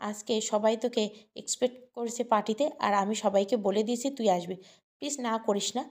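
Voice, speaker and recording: A woman's voice: on the high side, fairly even intonation, fast, a little mellow, close to an everyday voice. Woman voicing an eager pleading young hostess.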